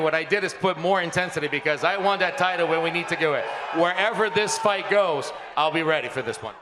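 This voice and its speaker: High-voiced man interpreting in an echoey hall. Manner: emphatic, repeats phrases. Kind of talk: press conference interpreting. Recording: echoey hall with background noise.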